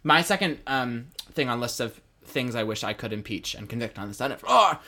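A man's voice: mid-range voice, animated, brisk, pushed and bright. A man co-hosting a podcast in casual chat, sarcastic and swearing freely. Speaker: podcast co-host.

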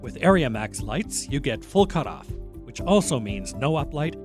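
Lively male ad reader over music. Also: medium pitch, normal speed. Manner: polished and promotional. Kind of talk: scripted sponsor read.

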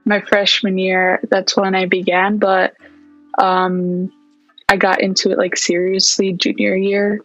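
A young woman from Palestine chats casually as a podcast guest and keeps filling her sentences with "like" and "yeah." Her pitch stays flat and level. The sound is a little dull and very dry, with soft music in the background. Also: measured pace, no room sound. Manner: relaxed, lots of "like" and "yeah". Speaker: podcast guest, fitness coach. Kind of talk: casual interview chat.

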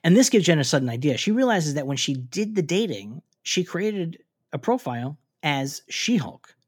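A man's voice: a little high, big pitch swings, normal speed, breathy edge. A man co-hosting a casual podcast, recapping a TV episode in a chatty way with frequent fillers and restarts. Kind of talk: casual chat.

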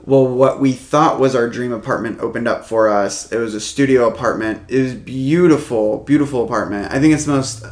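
A man's voice: medium pitch, a little fast, few pauses, darkish tone. Young male podcast co-host, casual and rambling, roomy echo. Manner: rambling, full of fillers and restarts. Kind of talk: casual chat.

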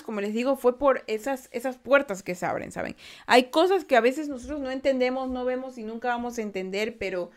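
A young woman telling true ghost stories in casual podcast talk, acting out quoted lines with loud bursts and often restarting her sentences. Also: medium pitch. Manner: frequent restarts, turns quiet and reflective. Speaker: podcast host. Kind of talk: casual storytelling.

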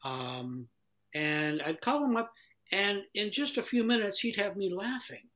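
Fields: Style: halting chat. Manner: restarts often, encouraging. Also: mid-range voice, lively intonation, lo-fi sound. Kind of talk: casual chat, joke telling.

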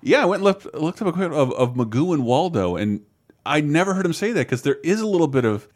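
A man hosting a podcast in casual chat, animated and quick, often laughing and swearing. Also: fairly high pitch. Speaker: podcast host.

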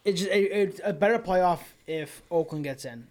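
A man with a fairly high voice co-hosting a casual sports podcast. He sticks stubbornly to his opinions and rambles through stop-start sentences, in an easy chat between friends. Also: a little mellow. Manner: stubborn, rambling, halting restarts. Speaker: podcast co-host.

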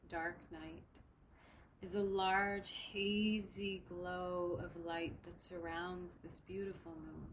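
Woman leading a meditation, slow and gentle, kinda low voice, faint hiss behind. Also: low-quality recording. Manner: slow, soft, soothing instruction. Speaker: meditation guide. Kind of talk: guided meditation.

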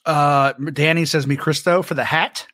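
A man's voice: on the high side, steady tone, moderate pace, a bit bright, no room sound, clean studio sound. A man hosting a casual podcast chat, chatty and reading out listener comments. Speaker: podcast host.

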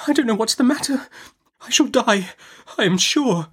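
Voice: mid-range voice, animated, normal speed, voice pushed up, natural voice. A narrator voicing a meek young mother-to-be in an audiobook, faltering, faint and innocent. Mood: tremulous, helpless.

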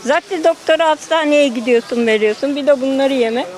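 High-voiced older woman, complaining emphatically. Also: a little fast, a little mellow. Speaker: retired market shopper. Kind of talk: street interview. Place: outdoor street market. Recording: noisy outdoor market crowd.

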